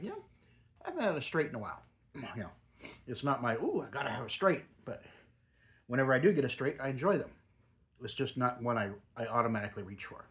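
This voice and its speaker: A middle-aged or older man, a grandfather, has a mid-range, slightly bright voice. He chats and rambles casually like a home product reviewer, talking with a lip full of dip.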